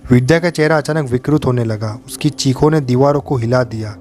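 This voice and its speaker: A man narrating a horror story in a steady, dramatic way. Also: medium pitch, brisk, faint music behind.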